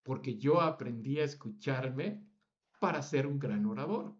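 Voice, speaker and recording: A man's voice: a little high, highs cut off. A man teaching a public speaking class, stressing each item in his lists and now and then correcting a slip. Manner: emphatic, lists words with rising stress; self-correcting slips. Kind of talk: lecture to students.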